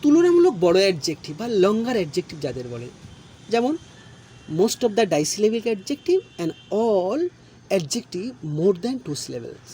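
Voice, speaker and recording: A male teacher walks students through grammar rules, his voice rising and falling with lively emphasis. He repeats each point patiently and speaks into a close mic. A faint hiss of noise sits underneath. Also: high-pitched. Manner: patient, repeats and explains each rule slowly. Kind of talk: recorded online lesson.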